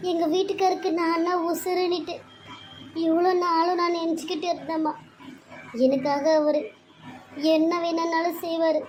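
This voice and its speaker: A woman's voice: very high voice, a little mellow. A woman voicing a betrayed young wife in a cartoon serial, grieving and bitter. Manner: grieving, pleading, then bitter. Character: young wife, betrayed and tearful, turning vengeful. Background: music.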